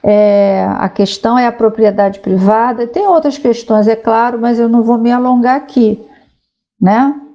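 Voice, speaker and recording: A woman's voice: fairly high pitch, moderate pace, dark tone, highs cut off. A woman sociologist talking casually to viewers, explaining ideas and reading aloud from a website, with frequent tag questions. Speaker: sociologist commentator.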